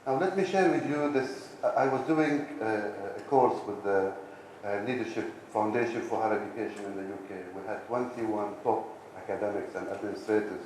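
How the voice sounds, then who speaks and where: A middle-aged university president delivers a conference keynote in an indoor lecture room, his low, slightly mellow voice moving fairly quickly. He speaks emphatically, repeating key words for stress. The sound is distant and echoey, with background hiss.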